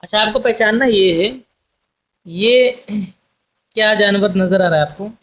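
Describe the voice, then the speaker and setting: A man's voice: high-pitched, unhurried, fairly bright tone. A man teaching an online language lesson, explaining patiently and repeating each point for his viewers. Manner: patient, repetitive explaining, addresses viewers as friends. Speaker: Urdu teacher. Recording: dull lo-fi sound.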